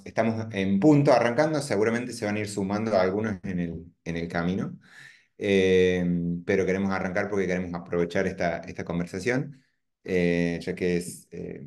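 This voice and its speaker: A man's voice: low-pitched, fairly even intonation, normal speed, darkish tone. A man hosting a webinar over a video call, opening with a hesitant introduction full of "eh" fillers and restarts. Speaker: host and company founder.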